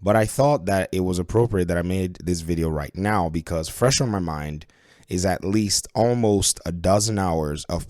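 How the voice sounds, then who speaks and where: A man with a fairly low voice, recorded close and dry, talks through a game review. He sounds stuffy-nosed from a cold and speaks in a casual, conversational, opinionated way. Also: darkish tone, no room sound.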